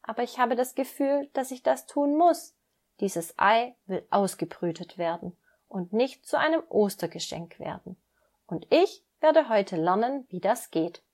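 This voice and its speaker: Earnest little boy duckling for an audio storybook, high and excited, voiced by a woman. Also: a little slow. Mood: determined.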